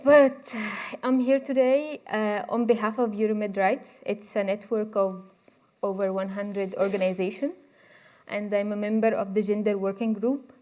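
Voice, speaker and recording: A woman's voice: mid-range voice, fairly even intonation, moderate pace, darkish tone. A woman, giving a conversational university lecture and inviting the audience to interrupt with questions. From Egypt. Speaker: guest speaker.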